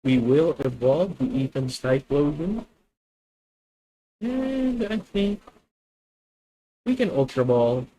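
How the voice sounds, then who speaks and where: A young Filipino-accented streamer narrates each move of a live card game, thinking aloud, frequently correcting himself and now and then addressing his viewers. His voice is fairly high for a man, with a darkish tone, and the recording quality is low.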